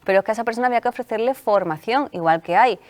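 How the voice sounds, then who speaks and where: A woman with an Andalusian Spanish accent, a sports psychologist speaking as a guest on a talk show, telling animated stories and acting out the coaches she quotes. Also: on the high side, rapid-fire.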